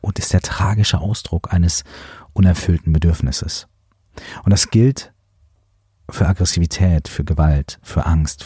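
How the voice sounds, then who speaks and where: A man hosting a coaching podcast, talking in a gentle, musing way with many fillers. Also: sits low, slightly rough, no echo, clean studio sound. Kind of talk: reflective podcast monologue.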